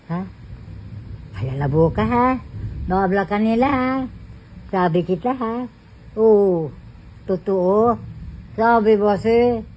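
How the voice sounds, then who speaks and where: Slow, cooing woman. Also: on the low side, a little mellow, a little hiss or hum, low-quality recording. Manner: cooing, playful, coaxing, laughs often. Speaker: caregiver talking to a baby. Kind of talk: baby talk.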